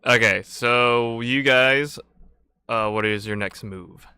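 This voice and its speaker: A man's voice: mid-range voice, takes it slowly, bright, forceful tone, smooth, no echo. A man running a tabletop game as game master, recapping and narrating in a loose, meandering way.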